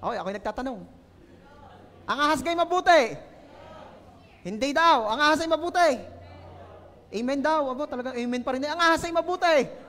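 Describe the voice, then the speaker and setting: A Filipino man delivers a playful sermon, teasing his congregation and asking them questions. His voice sits unusually high for a man. The church hall around him gives it a long, ringing echo. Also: a little fast, pauses often, a bit bright. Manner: joking, asks the congregation questions. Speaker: pastor. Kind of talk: lively humorous sermon.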